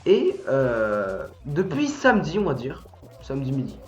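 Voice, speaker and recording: A man's voice: medium pitch, wildly swooping pitch, measured pace, roomy sound, highs cut off. A young man with a cold and a stuffy nose, chatting casually while streaming a game, rambling and restarting his words. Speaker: gaming streamer.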